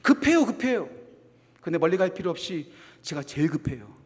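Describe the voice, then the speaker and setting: A middle-aged Korean man preaching a sermon. He talks fast, repeats phrases for emphasis, and moves between loud exhortation and hushed asides. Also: a little high, sing-song. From South Korea. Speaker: associate pastor. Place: church sanctuary. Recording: long hall reverb of a church.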